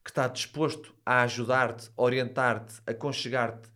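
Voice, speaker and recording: A man's voice: medium pitch, level tone, normal speed, bright, forceful tone. A man with a European Portuguese accent speaking as a guest in a casual conversation, emphatic and insistent, often repeating himself to drive a point. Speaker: interview guest, book author. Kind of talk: casual chat.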